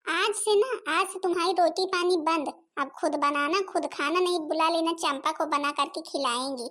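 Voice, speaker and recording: A woman's voice: very high voice, moderate pace, pushed and bright. A woman voicing a fiery village mother and daughter-in-law who quarrels with her mother-in-law and husband in a home-made cartoon. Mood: combative. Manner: combative, quarrelsome.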